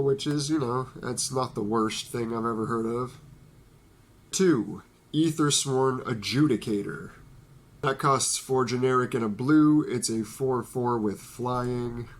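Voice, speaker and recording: A young man with a stuffy, blocked nose from allergies, casually hosting a card review with playful asides. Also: medium pitch. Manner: playful, jokey asides to an imagined listener. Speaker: Magic card video host.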